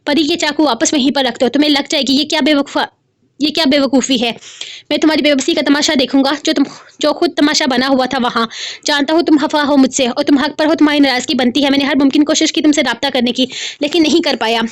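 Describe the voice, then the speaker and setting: A woman's voice: high-pitched, fairly even intonation, quick pace, close to an everyday voice. A woman reading a worried, pleading young husband. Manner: soothing, pleading.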